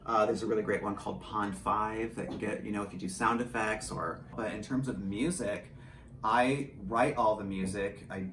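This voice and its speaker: In a casual interview, an American man from rural Michigan speaks candidly and with strong opinions. He writes and produces audio dramas and performs in drag, and his voice is lowish and a little bright, with fairly even intonation at a moderate pace. It was recorded in a home studio indoors, with a distant mic, a roomy sound and faint background noise.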